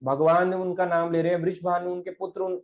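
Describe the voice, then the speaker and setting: A man's voice: sits high, flat delivery, fairly quick. A man teaching an online devotional class and answering viewer questions, speaking in a preachy, emphatic way and mixing English words into Hindi. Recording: tinny phone-like line.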